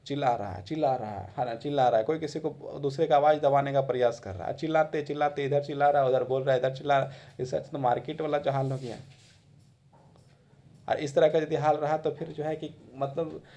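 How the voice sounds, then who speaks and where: A man's voice: fairly high pitch, steady tone, fast, mellow, highs cut off. A man giving a classroom lecture in a conversational way, repeating phrases for emphasis. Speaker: teacher.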